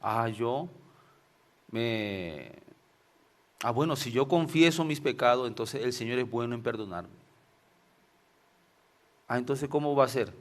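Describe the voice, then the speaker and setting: His mid-range voice is expressive and measured, broken often by pauses, as this Venezuelan preacher delivers an informal, story-filled sermon. He has a Venezuelan Spanish accent and frequently tacks tag questions onto the ends of phrases.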